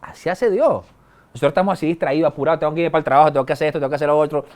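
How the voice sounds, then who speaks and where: A middle-aged male pastor, preaching a sermon in a conversational way, with colloquial asides and sudden quick bursts. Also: a little high, darkish tone. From Venezuela.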